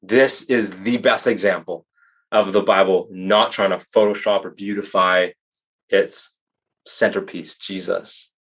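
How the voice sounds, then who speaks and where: Guy with a lowish voice giving a talk, casual storytelling, slows way down to hit points. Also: steady tone, fairly bright tone. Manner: conversational storytelling, shifting from slow emphasis to quick asides. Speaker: speaker. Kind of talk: lecture-style talk.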